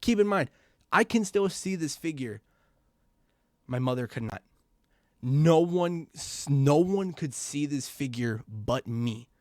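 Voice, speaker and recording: A man's voice: takes it slowly, dry recording, studio quality. A young man telling a scary childhood story to his viewers in a casual, slangy way, calling them bro and you guys and swearing. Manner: quiet and low at first, grows loud and excited.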